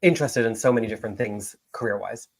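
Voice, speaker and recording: A man hosting a podcast interview, delivering buzzword-laden introductions with deadpan irony. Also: on the low side, fast talker. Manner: dry, ironic, buzzword-heavy delivery. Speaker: podcast host.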